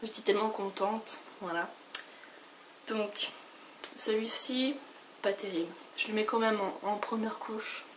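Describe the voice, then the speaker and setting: A woman from France with a sick, hoarse voice, chatting casually through a makeup haul and rambling with lots of fillers and restarts. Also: mid-range voice, steady tone, unhurried, long pauses. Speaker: beauty vlogger. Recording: noisy home recording.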